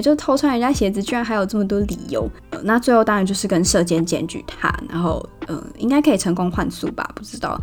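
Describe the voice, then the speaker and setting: A woman with a Taiwanese Mandarin accent, hosting a casual storytelling podcast and telling it in a chatty, animated way. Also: mid-range voice, vocal fry. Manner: chatty and animated, laughing at her own stories. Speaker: podcast host.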